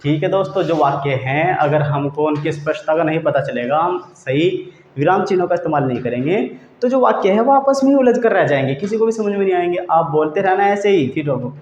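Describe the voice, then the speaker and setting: Male teacher with a high voice, explaining patiently and repeating himself, in a roomy room on a dull, lo-fi recording. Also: lively intonation, brisk, darkish tone, slight background noise. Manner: repeats key points, asks and answers own questions, says "theek hai" often. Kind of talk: explanatory grammar lesson.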